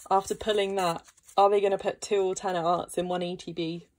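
A woman's voice: medium pitch, level tone, a little fast, a little mellow. A woman casually chatting as she opens trading card packs, gasping and exclaiming over what she finds. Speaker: card-opening vlogger. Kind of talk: casual unboxing chat.

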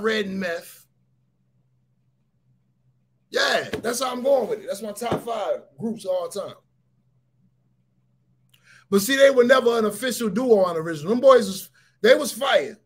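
A man runs a casual livestream in a fairly high, husky voice. He talks straight to his viewers in an animated way. He drives each point home by repeating it and often raises his voice to a shout. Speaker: livestream host.

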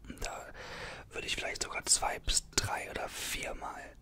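A young man speaks in a hushed, breathy whisper for ASMR. The sound is crisp and bright, right up at a desktop microphone. He reads aloud and drops in casual, chatty asides. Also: a little slow. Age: 20s. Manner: informal, conversational asides. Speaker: ASMR creator. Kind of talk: ASMR, reading an article aloud with casual comments. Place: small bedroom. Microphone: desktop condenser microphone, close up.

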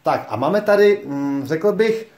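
A man's voice: on the high side, lively intonation, a little mellow, echoey room. Playful man filming a salon vlog. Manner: playful, jokey, drawn-out phrasing. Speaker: vlog host. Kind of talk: casual handheld vlog presenting. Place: small hair salon, indoors. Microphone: phone camera at arm's length.

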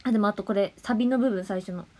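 A young woman, chatting playfully on a solo livestream and sometimes dropping to soft murmurs and whispers. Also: medium pitch, quick pace. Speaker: idol livestreamer. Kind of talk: casual solo livestream chat.

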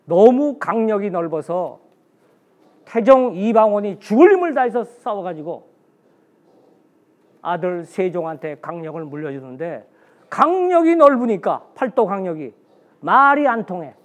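A man's voice: high voice, very animated, unhurried, pauses often. A man giving a special history lecture in a blunt, colloquial way, asking himself questions and answering them.

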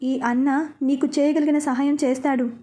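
A woman voicing a caring, protective older brother who reassures gently, in a storybook reading. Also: high voice, level tone, normal speed, natural voice. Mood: gentle.

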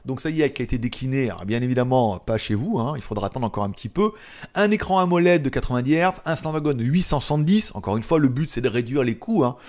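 A man's voice: mid-range voice, animated, fast, darkish tone. A man hosting a casual tech news show, rambling through specs with joking asides and muttered self-corrections. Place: lives in Thailand.

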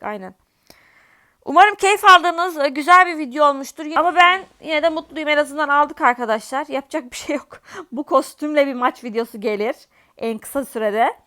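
A woman's voice: high-pitched, pushed and bright. A young woman with a Turkish accent giving casual commentary on a mobile game, dramatic, pleading and exclaiming as she spends in-game currency. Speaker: gaming YouTuber.

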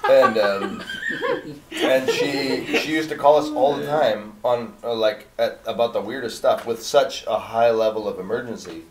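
A man telling a funny anecdote from the stage at a church service, in a lively storytelling style. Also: mid-range voice, unhurried, a little hiss or hum. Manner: animated, anecdotal, laughs while telling. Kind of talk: storytelling sermon. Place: church auditorium. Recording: roomy church hall, from far off, audience laughter.

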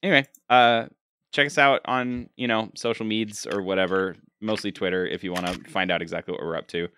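Young male streamer, low but forceful voice, casual rambling chat, dry close-mic sound. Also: fairly even intonation, a little fast, clean tone, dry recording. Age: young adult. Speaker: game streamer, co-host. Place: small room indoors, home streaming setup. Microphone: close microphone on a boom arm.

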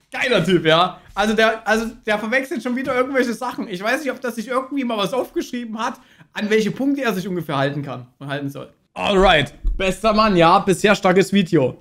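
A young man in his twenties reacting to a video on stream, talking in a loose, slangy, rambling way into a boom mic in a small room. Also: moderate pace, fairly bright tone. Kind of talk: casual reaction commentary. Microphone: boom mic on arm, wearing headphones.

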